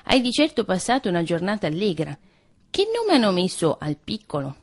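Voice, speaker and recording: A woman's voice: on the low side, sing-song, brisk. A woman voicing a trusting, homebound male mouse in a read-aloud fairy tale, earnest and puzzled. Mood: friendly.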